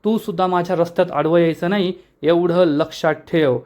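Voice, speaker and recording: A man's voice: fairly high pitch, steady tone, moderate pace, darkish tone, lightly acted. A man voicing a defiant scheming young woman.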